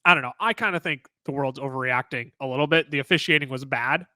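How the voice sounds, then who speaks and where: A man co-hosting a sports podcast, talking excitedly in casual chat with many restarts. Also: mid-range voice, fast, dry recording. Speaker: podcast co-host.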